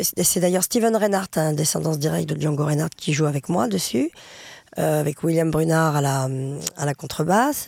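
A woman who is a singer and author chats casually in an interview, lively and full of fillers and restarts. She has a French Traveller community accent and a low voice with vocal fry, in a dry recording.

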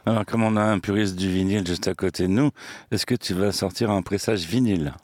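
A man's voice: low voice, brisk, no room sound. A man hosting a casual interview, informal and enthusiastic. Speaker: interview host.

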